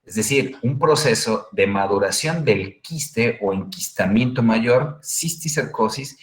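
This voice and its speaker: A man teaches in a recorded lecture, his voice sitting on the lower side. He explains methodically and keeps pausing to check in with his listeners. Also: expressive. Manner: explanatory, checks in with frequent "¿bien?".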